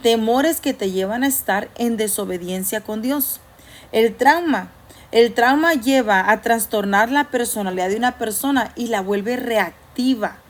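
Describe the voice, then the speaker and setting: A woman's voice: fairly high pitch, measured pace. A woman preaching a church sermon in a conversational way, now and then acting out the voices people hear in their heads. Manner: conversational preaching, acts out inner voices and jokes.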